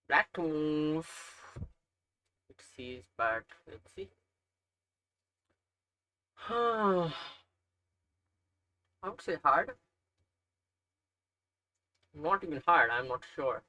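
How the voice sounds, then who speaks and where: Working through chess puzzles on a low-quality screen recording, a young man from Nepal thinks aloud in a Nepali accent, hesitating and correcting himself often. His fairly high voice is expressive, pushed and bright, slow, with long pauses.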